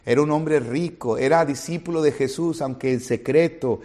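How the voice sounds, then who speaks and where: A pastor with a slightly high male voice preaches at a moderate pace in an animated way. He speaks directly to the congregation and acts out small scenes.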